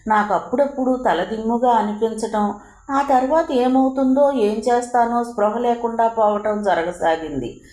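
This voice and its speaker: A woman narrating a novel as a first-person letter, in a measured and emotive reading style. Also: medium pitch, warm tone, reverberant. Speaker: audiobook narrator.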